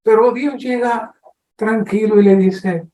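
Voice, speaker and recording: A man's voice: high voice, reverberant. A man with a Colombian Spanish accent preaching a sermon, teaching earnestly and acting out questions. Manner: slow, earnest teaching with lively acted-out questions.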